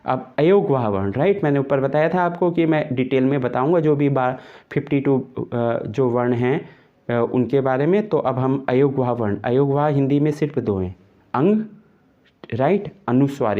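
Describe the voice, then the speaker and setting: A man at a middle pitch gives a grammar lesson for exam students. He explains patiently and says the example sounds aloud, and the recording is a little dull and muffled. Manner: explanatory, often adds "right" in English, voices sounds as examples. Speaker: Hindi grammar teacher.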